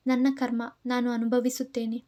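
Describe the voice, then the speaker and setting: A woman's voice: a little high, completely flat delivery, moderate pace, warm tone, lightly acted. A woman voicing a grieving older mother estranged from her son, speaking in a tearful, pleading way.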